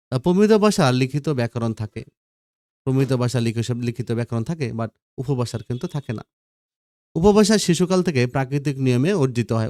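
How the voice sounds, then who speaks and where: A man's voice: mid-range voice, warm tone, no room sound, studio quality. A man teaching a school grammar lesson, repeating key points and asking questions that he answers himself. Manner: asks the class questions and answers them himself. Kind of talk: recorded video lesson.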